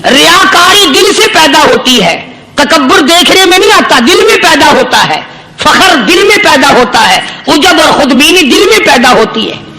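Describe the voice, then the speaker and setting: A man's voice: very high voice, animated, roomy sound, noisy background. A man preaching a sermon, telling a story with rising, emphatic repetition.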